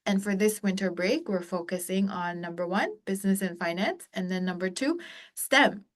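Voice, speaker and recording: Founder of an education company, a woman in her forties who was born in Korea and raised across East and Southeast Asia presents a webinar to students. She's earnest and encouraging in a mid-range voice, pausing often with um and uh.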